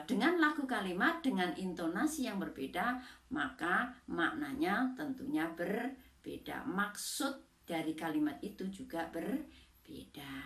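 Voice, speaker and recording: A middle-aged woman teaches a class, explaining step by step and checking in with a soft "ya" after each point. Her voice sits slightly low, and it comes from some distance off the mic in a roomy, echoing space. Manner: patient, adds tag "ya" often, fillers. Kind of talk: classroom lesson explaining slides.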